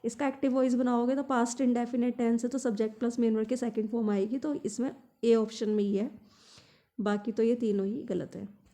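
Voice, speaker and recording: An Indian woman teaching for an exam, reading English lines slowly and explaining them quickly in Hindi. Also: fairly high pitch, steady tone, warm tone. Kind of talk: exam-prep lesson.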